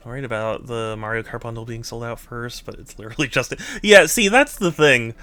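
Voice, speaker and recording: A man live streaming games, chatting casually with viewers in a playful, animated, teasing way. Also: medium pitch, brisk, faint music behind. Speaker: video game live streamer. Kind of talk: casual chat with viewers while gaming.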